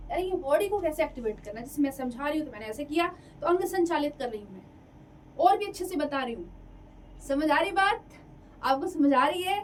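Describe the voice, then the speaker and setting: A woman teacher giving an exam-prep lecture, lively, repeating points and often checking that the class follows. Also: high voice, recorded from a distance, slight background noise, rough recording.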